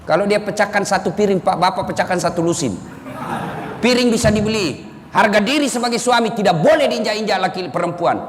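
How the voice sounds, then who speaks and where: A man's voice: high voice, expressive, fairly quick. A man giving a humorous sermon to a live audience, teasing listeners and acting out quoted wives and mothers. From Indonesia. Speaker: preacher. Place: large hall with a live audience. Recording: long hall reverb, faint background noise.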